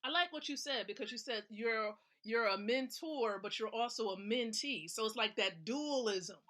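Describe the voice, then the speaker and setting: A woman hosting a nightly live stream from home, energetic and encouraging, laughing often as she talks to viewers. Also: a little high, moderate pace. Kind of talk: upbeat live-stream talk.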